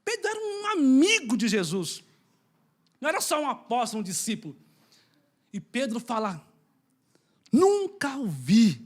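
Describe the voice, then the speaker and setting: A man's voice: very high voice, very animated, moderate pace, long pauses. A male preacher giving a conversational, emphatic sermon and joking with the congregation.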